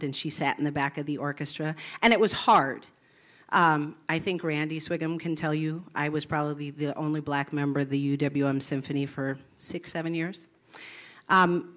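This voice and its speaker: A woman's voice: deep voice, fairly bright tone. A woman in her thirties from Milwaukee, a public school music teacher, telling her own story in earnest at a live talk on stage. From Milwaukee, USA.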